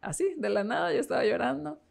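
Woman guest, gravelly voice, candid storytelling, lots of fillers. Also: high-pitched, animated, fast, darkish tone. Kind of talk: casual interview chat.

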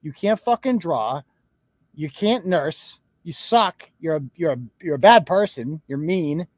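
A man's voice: fairly high pitch, animated, unhurried, darkish tone, no echo. A man hosting a live show, ranting sarcastically and profanely and mocking people in put-on voices. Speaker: podcast host.

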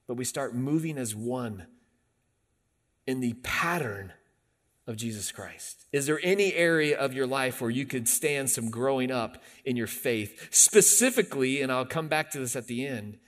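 A man's voice: medium pitch, a bit bright. A man in his late forties, a pastor delivering a conversational sermon that rises into emphatic bursts. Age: 40s.

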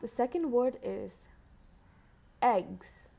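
A woman's voice: a little high, slow pace, creaky, warm tone, faint music behind. A woman teacher dictating single words and repeating each one for a children's dictation test.

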